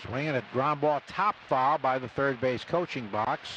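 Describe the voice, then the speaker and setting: An American man calls live baseball play-by-play for a radio broadcast from a stadium booth, his medium-pitched voice moving at a normal speed. The broadcast sounds muffled, with loud ballpark ambience all around.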